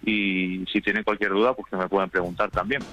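A man, a teacher talking casually as a radio guest, pausing and restarting often. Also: low-pitched, fairly even intonation, sharp tone, slight background noise, poor audio. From Spain. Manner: hesitant, restarts often, tags "right?".

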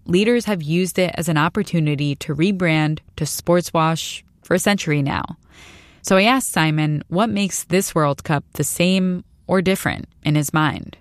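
A woman hosting an interview, asking questions in a measured, inquisitive way. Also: lowish voice. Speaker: host.

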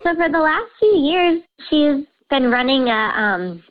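A woman's voice: high voice, lively intonation, unhurried, phone-quality sound. A woman calling in anonymously to a radio show, her voice disguised by a voice changer, telling a story in a chatty way full of fillers. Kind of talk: casual on-air confession.

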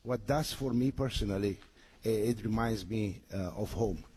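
A man from Romania, a guest on a radio interview, speaking haltingly with many hesitations. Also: on the low side, mellow, slightly rough. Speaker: guest, resort manager.

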